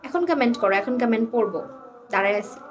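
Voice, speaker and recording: A woman's voice: on the high side, animated, fast talker, music in the background. A woman hosting a live clothing sale, chatting casually, reading out viewers' comments and names, and slipping English words into her talk. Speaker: online clothing seller on a live stream. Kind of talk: casual live-stream sales chat.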